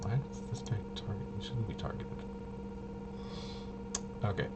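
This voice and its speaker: In a fairly low, expressive voice at a moderate pace, a man runs a tabletop game demo and thinks aloud. His casual commentary is muttered and puzzled as he keeps questioning himself, and the background is clearly noisy.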